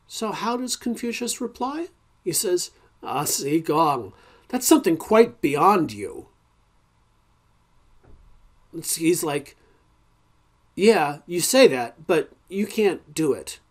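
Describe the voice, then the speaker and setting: A man's voice: fairly high pitch, a little mellow. A man teaching a recorded college ethics lecture in a conversational way, with many fillers and restarts and wry, informal asides.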